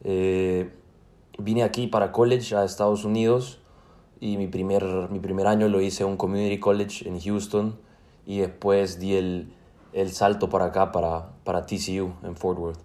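A young man in his twenties speaks with a Salvadoran Spanish accent, his voice sitting fairly low. He answers interview questions casually, pausing often on fillers and restarting his phrases. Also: little pitch movement, warm tone. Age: 20s. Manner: hesitant, many fillers and restarts. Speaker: student guest.

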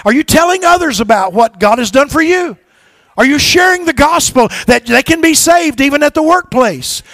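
A man preaching from a church pulpit, his very high voice rough with gravel. He shouts his exhortations and drops to low, quiet asides, and he calls on the congregation to say lines back with him. The sound is close and dry. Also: no echo. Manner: call-and-response with the congregation. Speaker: pastor. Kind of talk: sermon. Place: church sanctuary.

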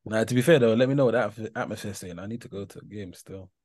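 A young man with a London roadman accent chatting casually about football in slangy, halting phrases full of asides. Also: on the low side, a little mellow, no echo, clean studio sound. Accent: London, urban slang. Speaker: football podcast co-host.

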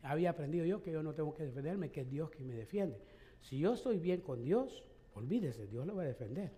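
A man's voice: a little high, animated, brisk, warm tone. A male pastor in middle age preaching a sermon in a conversational way, with rhetorical questions and light chuckles.

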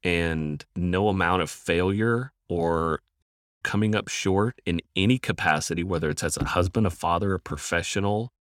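In a podcast interview, a middle-aged counselor and evangelist answers in a measured, thoughtful way, repeating words as he thinks. His voice is low-pitched yet fairly bright, captured in clean studio sound with no room sound.

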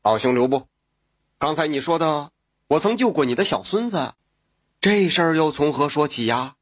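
A man's voice: fairly high pitch, expressive, normal speed, no room sound, clean studio sound. A man doing a folksy old woodcutter. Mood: anxious. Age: older. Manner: folksy, exclamatory, with sighs and chuckles. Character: simple, cheerful old woodcutter.

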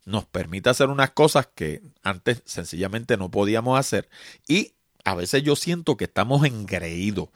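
A man's voice: medium pitch, no echo, clean studio sound. A man hosting a tech podcast, talking in a chatty, conversational way and often using the same little filler phrases. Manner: chatty, animated, leans on the filler 'qué sé yo'. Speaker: podcast host. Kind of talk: conversational podcast intro and interview.

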